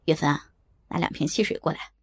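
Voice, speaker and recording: A woman putting on a low husky middle-aged man. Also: brisk, dry recording. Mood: amused. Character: middle-aged man, easygoing boss type.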